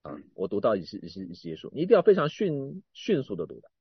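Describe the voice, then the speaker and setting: A man preaching a sermon, animated, often repeating and restarting words and swinging from emphatic to quiet. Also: medium pitch, fast, gravelly, husky, dry recording, highs cut off.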